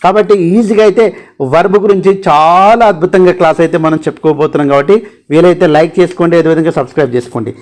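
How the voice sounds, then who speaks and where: Racing along in a slightly high voice with a darkish tone, this Telugu-accented man teaches grammar to exam candidates as their English teacher. He is emphatic and keeps repeating the key terms.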